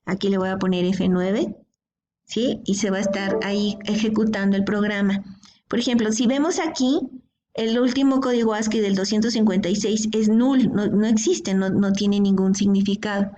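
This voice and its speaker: A woman's voice: medium pitch, fairly even intonation, moderate pace, dark tone, highs cut off. Woman, programming teacher, patient step-by-step explaining, faint hiss behind. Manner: explanatory, checks in with frequent "¿sí?" and "¿de acuerdo?". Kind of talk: screen-recorded coding lesson.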